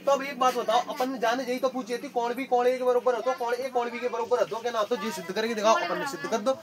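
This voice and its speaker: A woman's voice: a little high, fairly even intonation, fast. A woman teaching a math lesson in a regional Uttar Pradesh Hindi dialect, asking question after question and repeating the answers back. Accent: Western Uttar Pradesh Hindi dialect. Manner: repetitive call-and-response questioning in a rural dialect. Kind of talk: classroom tutoring lesson. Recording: noisy classroom with chatter. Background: students chattering.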